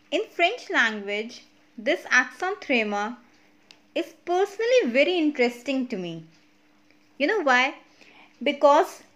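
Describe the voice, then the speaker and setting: Slow, high-voiced Indian English woman teacher. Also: a bit bright. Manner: slow, explains step by step, checks with "okay?". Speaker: French teacher. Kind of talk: online language lesson.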